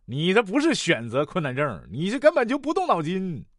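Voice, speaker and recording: A man's voice: sits high, a little fast, no echo, studio quality. A man with a Northeastern Mandarin accent telling comic jokes and jumping between character voices. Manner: animated, switches voices, jokey. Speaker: joke teller.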